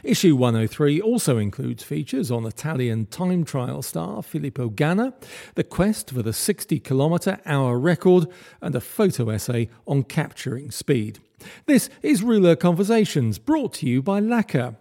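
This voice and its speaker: A male podcast host with a warm, mellow tone and a lively, rising-and-falling delivery. He reads his introductions in a measured way and asks his guest questions. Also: a little high, gravelly. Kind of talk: scripted presenting and interviewing.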